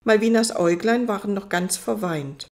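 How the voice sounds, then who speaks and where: A woman reading a fairy tale audiobook as its narrator, in a calm storytelling manner. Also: medium pitch, normal speed.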